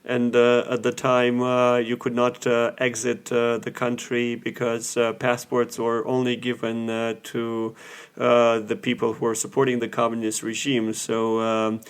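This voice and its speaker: A guest professor from Romania speaks in a casual interview at a measured pace, pausing often between phrases. His medium-pitched voice is clean in tone, with a completely flat delivery.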